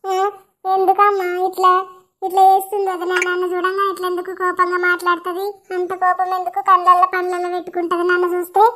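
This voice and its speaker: Woman as a high-voiced hurt sister, plaintive. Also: monotone, fast, sharp tone, a little hiss or hum. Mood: aggrieved. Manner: plaintive, aggrieved. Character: hurt young married sister visiting home.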